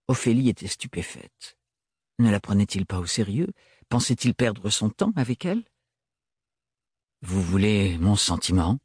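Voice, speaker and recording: A male narrator reads a novel aloud in a measured, even storytelling manner. His voice is mid-pitched and husky, recorded close and dry. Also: no echo. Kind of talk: audiobook reading.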